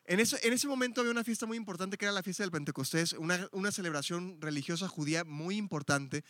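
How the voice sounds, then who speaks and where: A middle-aged man with a Mexico City Spanish accent gives a relaxed church lesson in a fairly high voice. He explains things conversationally, restarting phrases and dropping in fillers and little jokes. The sound is dry and close, with no room around it. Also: fast talker, no room sound. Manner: chatty and explanatory, frequent "este" fillers and self-corrections, joking asides. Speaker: Bible teacher.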